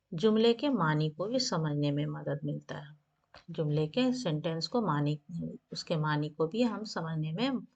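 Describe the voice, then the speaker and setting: A middle-aged woman teaching a grammar lesson, patiently repeating and rephrasing each point for her students. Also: lowish voice.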